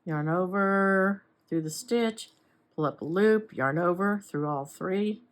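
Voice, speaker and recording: A woman's voice: on the low side, takes it slowly. A woman giving a casual step-by-step crochet tutorial, talking unhurriedly while she works with her hands and adding chatty asides. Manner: chatty asides and self-corrections. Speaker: crochet instructor.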